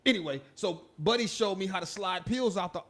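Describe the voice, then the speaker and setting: A podcast co-host tells a long story in a laid-back way, laughing, swearing a lot, and acting out the voices of people he quotes. His voice is high and fairly bright, and his pace is brisk.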